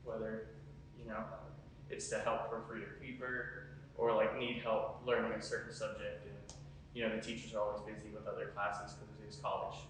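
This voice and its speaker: A man's voice: lowish voice, monotone, normal speed. A young adult man, a college student, giving casual answers in an interview. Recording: very echoey, distant mic, faint noise.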